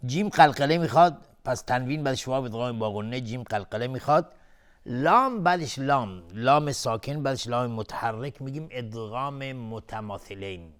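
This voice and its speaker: A man teaching tajweed on a TV lesson, reciting words slowly and then explaining the rules briskly, repeating words to show how they are said. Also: medium pitch, expressive, clean tone. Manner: repeats words to demonstrate pronunciation.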